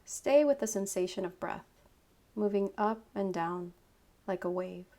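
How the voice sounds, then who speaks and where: In a medium-pitched voice, a yoga nidra teacher talks listeners through a guided meditation. She keeps her instructions calm, unhurried, and short, leaving pauses between phrases.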